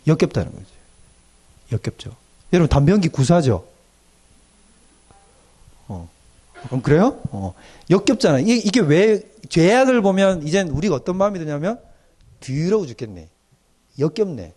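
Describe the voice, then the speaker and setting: A man's voice: sits high, normal speed, pauses often. A middle-aged male pastor, preaching a doctrine lecture and acting out the voices of young people he has counselled. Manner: animated, acts out quoted young people in dialect.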